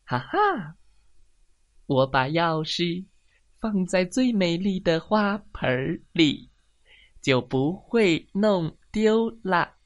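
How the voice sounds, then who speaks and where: A woman's voice: on the low side, expressive, slow pace, lo-fi sound, pitched above the performer's own voice. A woman voicing a forgetful, fussy mother hen who exclaims and frets in a storybook reading. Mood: pleased. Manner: flustered, exclaiming.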